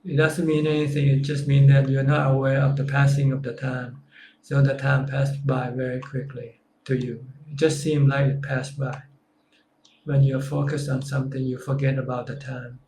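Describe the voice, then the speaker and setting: A man, a Buddhist monk teacher answering questions in a live session in a calm, simple, plain-spoken way. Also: mid-range voice, normal speed, a little hiss or hum. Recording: echoey room.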